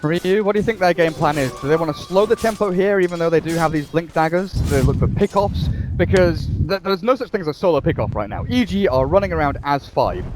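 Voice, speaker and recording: High-pitched male esports commentator. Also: fast talker, hardly any pauses, over music. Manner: animated play-by-play, rising with the action. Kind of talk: live game commentary.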